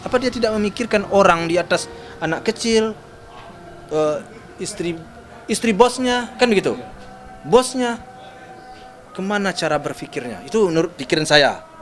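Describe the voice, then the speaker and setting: A man's voice: high voice, animated, moderate pace, long pauses, faint music behind. A man giving an upset interview statement, retelling phone calls in an agitated way. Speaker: interviewee, father of the victim's husband.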